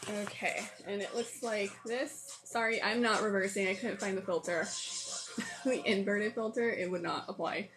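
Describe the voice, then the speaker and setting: A woman's voice: medium pitch, steady tone, normal speed, poor audio. A woman with a tired voice chatting casually as she hosts a live building stream, thinking aloud and making fun of her own mistakes. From New Mexico. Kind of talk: casual chat while building. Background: loud music.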